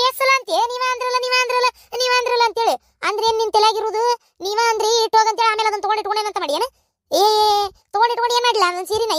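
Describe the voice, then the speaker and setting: Lady doing a naggy old cartoon mother-in-law, north karnataka accent, high voice, dry close sound. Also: no echo. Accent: North Karnataka Kannada. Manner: scolding, nagging, sarcastic. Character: sharp-tongued old village mother-in-law, bossy.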